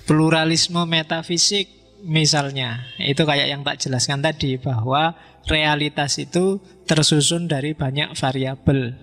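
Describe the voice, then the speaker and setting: A man's voice: a little high, unhurried. Man lecturing in an echoing hall. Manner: relaxed, joking, asks the audience questions. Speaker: philosophy lecturer. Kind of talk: informal philosophy lecture. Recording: reverberant hall with faint music.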